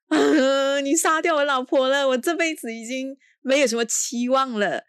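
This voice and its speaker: A woman mimicking a shrill, wailing old man. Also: normal speed, no echo, clean studio sound. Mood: despairing. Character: grief-stricken old man begging to die.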